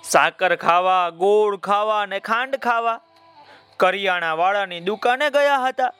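A man's voice: high-pitched, a little slow, bright, forceful tone, smooth, no echo, soft background music. A man voicing a caring mother ant who frets over her little one. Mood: fretful.

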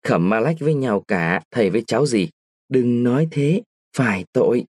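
A man's voice: mid-range voice, expressive, moderate pace, a little mellow, husky, no echo, studio quality. A man playing a brash, bullying soldier. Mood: flirting.

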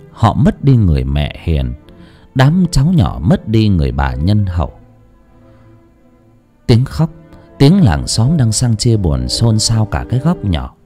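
A man narrating a story in an expressive, dramatic way. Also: on the low side. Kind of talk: scripted audiobook narration.

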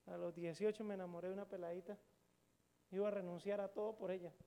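A middle-aged pastor, preaching a sermon to a congregation in a colloquial, joking storytelling way and putting questions to the audience. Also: male voice, high voice, little pitch movement, fast talker, warm tone.

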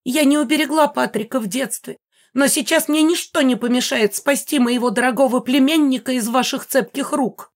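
A woman's voice: sits high, moderate pace, voice pushed up. A woman reading an audiobook, voicing a spiteful old female ghost who screeches and cackles threats. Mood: indignant. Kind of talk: audiobook character voice.

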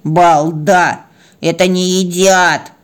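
A woman's voice: medium pitch, lively intonation, natural voice. A woman playing a bossy lecturing cat. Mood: scolding. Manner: slow, lecturing, scolding. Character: bossy adult female cat, self-important teacher.

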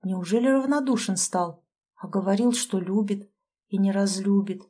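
A young woman reading an audiobook, narrating in first person in a lively, conversational way. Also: mid-range voice, normal speed, breathy edge.

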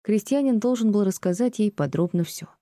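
A woman reading classic prose aloud as an audiobook, in even, measured storytelling. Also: medium pitch, dry recording, clean studio sound. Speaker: narrator.

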